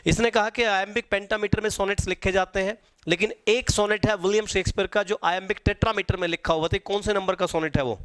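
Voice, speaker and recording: A man's voice: high-pitched, fairly even intonation, fast, fairly bright tone, smooth, no echo. A man teaching an exam-prep lecture. He repeats key points and quizzes his students.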